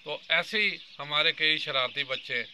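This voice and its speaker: A man in his mid-fifties with a very sharp, forceful and bright voice, talking straight to his viewers in a long, earnest political commentary. He explains his points at length. A faint hum of noise sits behind him. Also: a little high, measured pace. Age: 50s. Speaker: vlogger.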